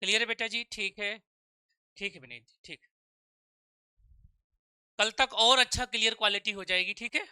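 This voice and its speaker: A man teaching a live online exam-prep class. He keeps asking "okay?" to check that his students follow, calls them "children," and drills sounds slowly one at a time. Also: high voice, bright, forceful tone, clear, resonant tone, dry recording, studio quality. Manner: calls students 'children' and 'dear'.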